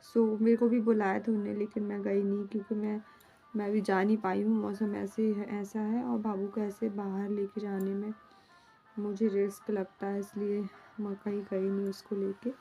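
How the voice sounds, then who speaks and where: A young woman, a mother, chatting casually to her vlog audience at home in a rambling, homely way, often filling pauses as she talks. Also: medium pitch, completely flat delivery, gravelly, warm tone, faint music behind. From India. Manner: rambling and homely, fills with "matlab".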